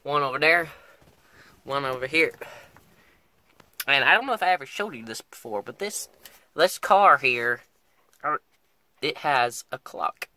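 A man's voice: mid-range voice, lively intonation, measured pace, pauses often, bright, forceful tone, no room sound. A man filming himself pulling speakers out of an old pickup, talking in a joking put-on twangy drawl and muttering while he works inside the cab. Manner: mutters and grunts while working with his hands. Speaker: car-repair vlogger. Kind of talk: casual hands-on tutorial chat. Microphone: handheld camera held close while working.

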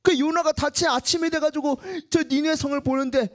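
A woman telling a Bible story to children, animated and expressive, leading them to repeat after her. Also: high voice, brisk. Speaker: children's teacher.

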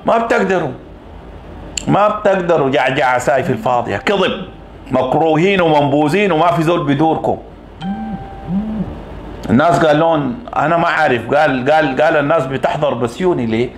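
A man's voice: a little fast, long pauses, echoey room, a little hiss or hum. A Sudanese man with a Sudanese Arabic accent delivering a combative, impassioned political monologue. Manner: combative, swings from low mutters to shouted taunts. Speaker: political commentator.

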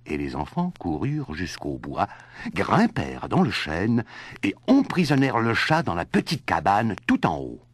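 A man's voice: low-pitched, huge pitch swings, normal speed, husky, no echo. A man narrating a children's story in a scripted read-aloud style.

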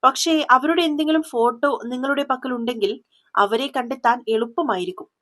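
A cowering male police inspector who fawns over his superior and then stammers with fear, as a woman storyteller puts him on. The voice sits a little high and has a soft edge. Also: fairly quick. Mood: fawning.

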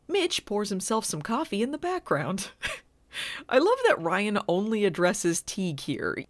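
A woman recapping a TV episode with sarcastic, deadpan asides. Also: on the high side, no room sound. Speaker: video reviewer. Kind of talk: comedic recap narration.

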